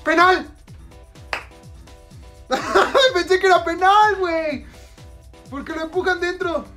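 High-voiced Mexican woman yelling at a match. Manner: excitable, slangy, yells at plays. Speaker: football reaction host. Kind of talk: live match reaction commentary.

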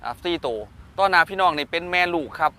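Fast, bright Isan man hyping a livestock sale. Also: on the high side, animated, clean tone. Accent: northeastern Thai (Isan). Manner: repeatedly addresses viewers and prompts for agreement. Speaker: host of cattle-sale videos. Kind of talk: fast, hyped live-seller pitch to viewers.

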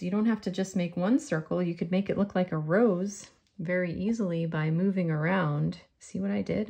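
A woman's voice: lowish voice, creaky, a little mellow. A woman with a faint New York accent giving a friendly step-by-step polymer clay crafting tutorial.

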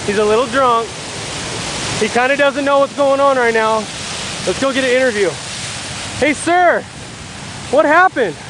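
A man's voice: very high voice, steady tone. A man chatting casually and giving slangy, bro-like advice as he films. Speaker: bystander filming and interviewing. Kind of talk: casual chat, informal interview. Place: outdoors on a wet roadside at night. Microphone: handheld camera. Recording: noisy outdoor video, rushing water.

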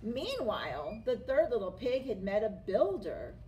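Reading expressively from a picture book, this middle-aged woman tells a story to children in a small classroom, where room noise is clearly audible. She sounds a little high and mellow, takes her time, and lets her pitch swing widely.

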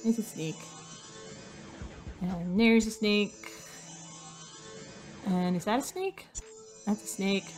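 A young adult woman casually commenting while she plays a hidden-object game, thinking aloud and joking at her own expense, her voice slightly hoarse and fading. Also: mid-range voice, slow pace, pauses often. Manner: chatty, self-deprecating, thinks aloud while searching. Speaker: gaming video host. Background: faint game music.

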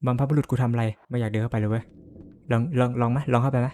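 A man's voice: medium pitch, fairly even intonation, rapid-fire, dark tone, slight background noise. A man playing a horror game and commenting as he goes, jumpy, cursing and laughing nervously. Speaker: gamer.

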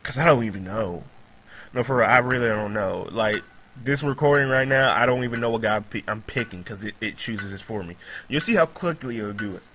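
A man casually commenting on his own game as he plays, excitable and prone to repeating himself. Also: on the low side, brisk, slight background noise, poor audio. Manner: excitable, repeats pleading words, laughs often. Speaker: gamer recording gameplay commentary. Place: at home on a laptop.

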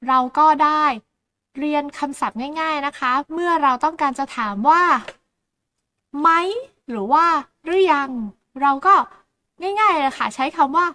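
A woman with a high voice and a Southern Thai Phuket accent gives a language lesson as a channel host. She patiently repeats each word slowly for learners. The recording is dry and close, with no room sound. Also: bright, forceful tone, no room sound.

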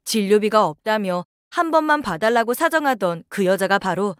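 A woman in her thirties narrating a dramatized true story, calm and conversational. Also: mid-range voice, normal speed, smooth, no room sound, studio quality. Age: 30s.

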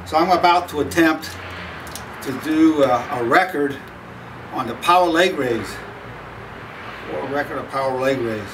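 A man in his seventies talking to camera in a small home gym, rambling and halting with many pauses and fillers. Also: a little high, far from the mic, noisy background. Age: 70s. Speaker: fitness vlogger promoting his product. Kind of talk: casual talk to camera.

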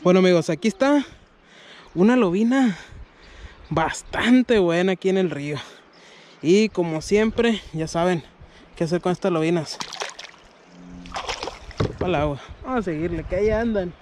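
A young man with a Mexican Spanish accent giving casual fishing vlog commentary from a kayak on a river, recorded on a head-mounted camera and getting excited at each catch. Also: high-pitched, normal speed, pauses often. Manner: excited, laughing and shouting at catches. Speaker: fishing vlogger. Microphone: head-mounted action camera. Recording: outdoor recording with clear background noise.

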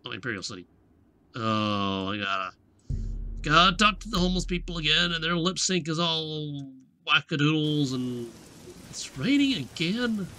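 A man's voice: a little high, lively intonation, moderate pace, pushed and bright, slight background noise. A man with a playful, sarcastic manner, joking through gameplay commentary as a let's play host.

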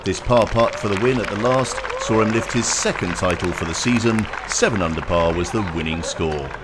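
A man reading a scripted highlights narration of a golf tournament over outdoor ambience. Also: normal speed, a loud crowd, very noisy.

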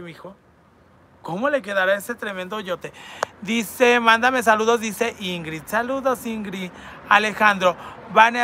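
Campy guy reading fan comments, high bright voice, crude teasing jokes. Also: a little hiss or hum. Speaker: online entertainer reading fan messages. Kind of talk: comedic chat reading viewer comments.

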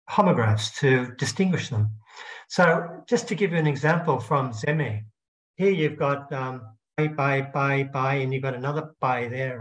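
A man giving a keynote academic lecture as a linguist, explaining his slides step by step and rising in pitch on the points he stresses. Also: rough recording. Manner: explanatory, with emphatic rises in pitch.

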